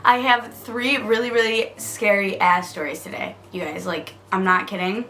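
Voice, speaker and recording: A woman's voice: medium pitch, fairly even intonation, normal speed, bright, forceful tone, a little hiss or hum. A young woman vlogger telling a spooky story in a casual, rambling way, often giggling and saying "like.".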